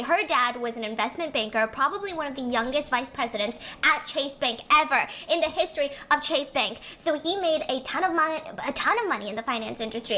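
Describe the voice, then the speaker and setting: Brief: a woman vlogger with a high voice, chatty and rambling, telling a true-crime story over a faint hum. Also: sharp tone. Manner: chatty, rambling, with fillers and asides. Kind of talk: casual chat while eating, then storytelling.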